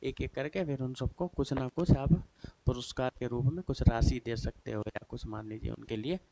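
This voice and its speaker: A man's voice: medium pitch, moderate pace, gravelly, dark tone, a little hiss or hum. A male teacher giving a chatty exam-prep lesson, asking and answering his own questions and checking in with his students over and over. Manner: chatty, repeats "theek hai" and "bhai sahab" often.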